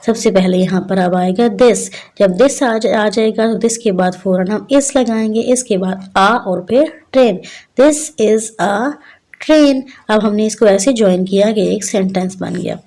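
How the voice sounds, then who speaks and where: A woman teaches a children's English lesson at an unhurried pace. She reads each English sentence slowly, then breaks it down for the kids. Her voice is mellow and on the darker side. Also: medium pitch. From Pakistan. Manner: addresses children as "beta" and "bachche". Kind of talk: classroom lesson explanation.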